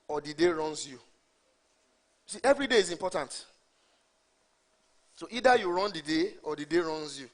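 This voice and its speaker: A man gives a motivational talk at a live event. He repeats key phrases for emphasis and often asks the audience questions. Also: fairly high pitch. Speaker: event speaker.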